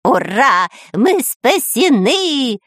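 A woman voicing an excitable, boastful male spy who is childlike and greedy, with shrill exclamations. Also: normal speed, no room sound, clean studio sound. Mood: excited.

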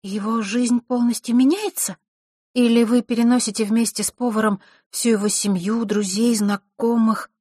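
A woman's voice: a little high, steady tone, moderate pace, warm tone, slightly rough, dry recording, clean studio sound, voice pushed up. A woman voicing a principled, stubborn young girl who earnestly objects.

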